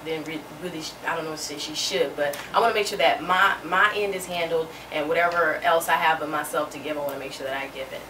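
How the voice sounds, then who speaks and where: Early-twenties woman, relaxed talk show guest; far mic, roomy studio, background noise. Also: low-pitched, fast, hardly any pauses. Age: young adult. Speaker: college student guest. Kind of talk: interview chat. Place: TV studio set.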